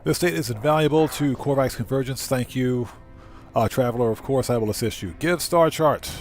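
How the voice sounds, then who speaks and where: A live streamer and channel host with a mid-range voice talks fairly quickly over soft background music. While playing a game, he chats informally, thinks aloud, and reads chat and on-screen text aloud as casual commentary.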